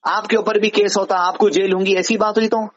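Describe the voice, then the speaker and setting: Heard through a dull, lo-fi phone connection, the man sits high in pitch with a flat, brisk delivery. He's an advisor with a Hyderabadi accent answering a caller, explaining in a didactic way and leaning on rhetorical questions.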